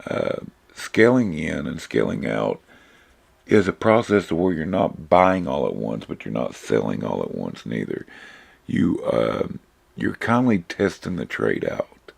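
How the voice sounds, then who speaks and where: A man giving a casual, rambling lesson on reading stock charts, hoarse because he is losing his voice, with loose phrasing and frequent self-corrections. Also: rumbling low, very animated, unhurried. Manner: informal, rambling, many fillers and self-corrections. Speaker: trading instructor.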